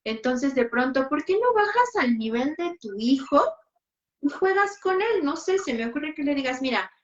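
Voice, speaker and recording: A woman's voice: high voice, sing-song, normal speed. A woman hosting a parenting advice talk, speaking directly and animatedly, sometimes acting out little scenes. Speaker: host. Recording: dull lo-fi sound.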